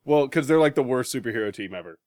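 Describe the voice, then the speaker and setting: A man's voice: medium pitch, lively intonation, fast, a little mellow, dry recording. A laid-back man chatting on a podcast, swearing freely, and his voice rises and falls a lot as he goes. It is a close, dry recording with no room sound. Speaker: podcast co-host. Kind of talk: casual chat.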